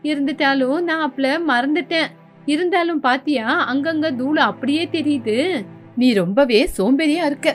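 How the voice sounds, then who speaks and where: A woman voicing a bossy, nagging older mother-in-law who scolds sarcastically in an animated story. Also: high-pitched, moderate pace, soft background music, lightly acted. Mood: scolding. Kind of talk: storybook voice acting.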